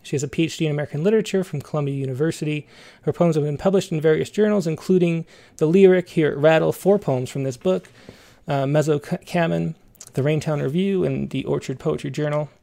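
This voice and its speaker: A man with a creaky voice casually hosting and interviewing a guest on a poetry show. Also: on the high side, quick pace, dark tone. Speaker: host of a poetry reading show.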